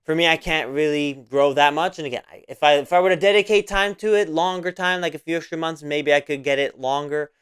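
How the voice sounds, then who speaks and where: A man's voice: fairly high pitch, brisk, hardly any pauses, a bit bright, clean tone. A man of about twenty hosting a casual solo podcast monologue, rambling and repeating himself with many fillers. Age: 20s. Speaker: podcast host.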